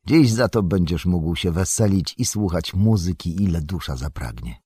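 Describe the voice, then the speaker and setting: A gentle, thoughtful young male hobbit, speaking calmly and kindly, as a man reading a storybook puts him on. The voice is low and husky, with lively swings in pitch. It sounds close and dry. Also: normal speed, dry recording, full character voice. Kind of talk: audiobook character voice.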